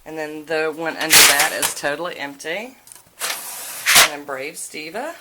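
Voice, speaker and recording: A woman with a low voice, speaking a little slowly, walks viewers through her nail polish collection in an informal, folksy vlog. Recorded indoors at home on a handheld camera, the clip has background noise and clicks.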